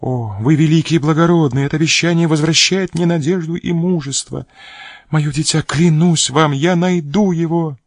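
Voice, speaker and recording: A man's voice: on the high side, moderate pace, no room sound, clean studio sound, pitched above the performer's own voice. A man voicing a desperate, tearful young noblewoman who pleads with raised emotion in an audiobook. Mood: pleading.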